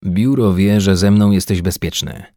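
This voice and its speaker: A man voicing a calm, scheming male official in a science-fiction audiobook, speaking in a quiet, soothing, restrained way. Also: low voice, normal speed, vocal fry, dry recording, clean studio sound. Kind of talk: audiobook character voice.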